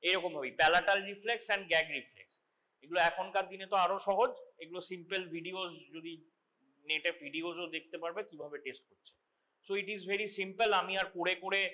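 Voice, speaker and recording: A male lecturer teaches anatomy in a classroom. His voice sits high and sounds bright. He explains step by step, often restarting phrases and switching into English terms.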